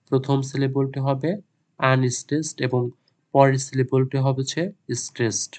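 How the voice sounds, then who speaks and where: Slow, flat-voiced male tutor. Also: medium pitch. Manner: dictates English answers word by word, then explains in quick Bengali. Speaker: teacher. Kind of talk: exam lesson, reading English slowly and explaining in Bengali.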